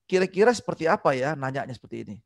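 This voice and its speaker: A man giving an online business communication training, energetic and acting out customer replies. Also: a little high, very fast, creaky, dry recording, clean studio sound.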